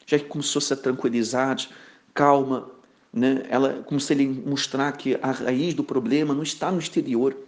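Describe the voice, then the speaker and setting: A man's voice: mid-range voice, darkish tone. A man, a pastor, telling a personal testimony in a sermon, earnest and conversational, often tagging his sentences with a questioning aside. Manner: earnest storytelling with frequent "né?" asides.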